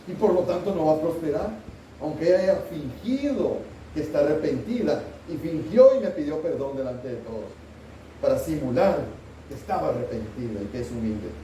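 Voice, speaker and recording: A middle-aged man preaches an earnest sermon and checks in with his listeners. His voice sits a little high yet sounds very dark and mellow. He is picked up at a distance in a roomy church, with faint noise behind. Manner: earnest, asks the congregation questions. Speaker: pastor. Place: church sanctuary.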